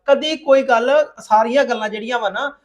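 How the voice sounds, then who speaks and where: Guy acting as a tired husband stuck in the middle, talks fast, kinda exasperated. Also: extremely high pitch, fairly even intonation. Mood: placating. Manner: placating, exasperated. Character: weary husband caught between wife and mother. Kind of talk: domestic web drama acting.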